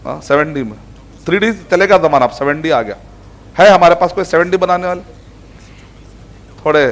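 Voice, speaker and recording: A man teaching a religious lesson in an explanatory way. His voice sits fairly high for a man. He slips English words and recited Arabic verses into his explanations. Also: normal speed. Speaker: Islamic scholar teaching Quran. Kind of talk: religious lecture.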